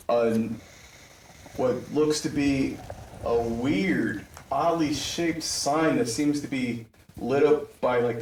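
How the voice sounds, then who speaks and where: A man's voice: mid-range voice, a little hiss or hum. A man narrating a tabletop game as game master in a loose, chatty way. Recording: roomy sound from a distance.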